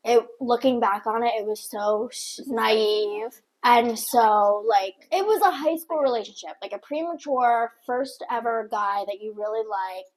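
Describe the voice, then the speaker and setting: Raspy, higher-pitched young woman telling stories. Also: a little slow, few pauses, low-quality recording. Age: young adult. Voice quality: raspy, smoker-like gravelly voice. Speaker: podcast co-host telling a story. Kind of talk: casual conversational storytelling.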